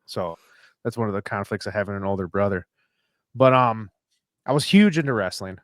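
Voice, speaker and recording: Animated male podcast host, dry sound. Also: fairly low pitch, fairly quick, no echo. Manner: animated storyteller, acting out quotes. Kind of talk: casual podcast chat.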